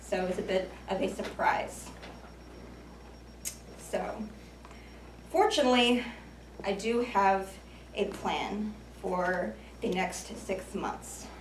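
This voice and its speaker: Taking it slowly and pausing often, the American woman in her late twenties speaks in a mid-range voice through her prepared, self-deprecating speaking-club speech with light jokes. The recording, made from far away in an echoey room, carries slight background noise.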